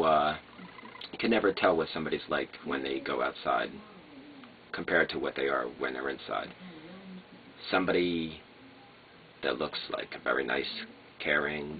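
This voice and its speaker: A man talks in an extremely low voice with slurred speech. He rambles casually and hesitantly, wandering from thought to thought like a vlogger. The sound is narrow and phone-like, with faint noise behind him. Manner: hesitant, meandering, trailing off. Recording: noisy, muffled phone-like sound.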